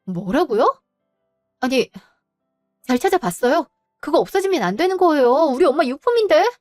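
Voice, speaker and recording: A woman's voice: high-pitched, sing-song, a little mellow, no room sound, studio quality, soft background music. Woman playing a firm, wronged daughter-in-law. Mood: pleading. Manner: polite but firm, measured.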